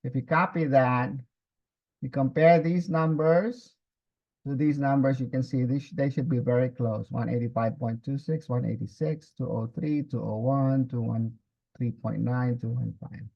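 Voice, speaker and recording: A man's voice: medium pitch, steady tone, moderate pace, vocal fry. A man instructing in a step-by-step spreadsheet tutorial, dictating formulas piece by piece and checking in with learners. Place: screen-recorded lesson at a computer. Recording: slightly dull, muffled audio.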